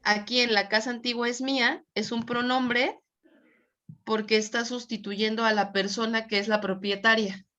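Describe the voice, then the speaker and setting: A woman's voice: on the high side, flat delivery, moderate pace, pushed and bright. A woman teaching a Spanish grammar class online, patiently checking that students follow. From Mexico. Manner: patient, checks understanding often. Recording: dull lo-fi audio.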